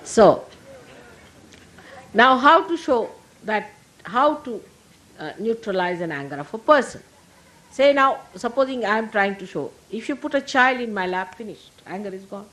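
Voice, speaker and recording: A woman's voice: on the high side, expressive, moderate pace, poor audio. A woman giving an informal, humorous spiritual talk to her followers, with frequent conversational asides like "see?". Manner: warm humorous asides to the audience; conversational, often asks "see?". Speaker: spiritual teacher.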